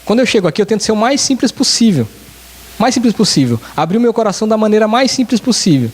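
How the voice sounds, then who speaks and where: A church elder preaches a sermon at a church service in Japan, pleading earnestly with the congregation and often repeating key phrases. His voice is high and sing-song, and he speaks at a quick pace.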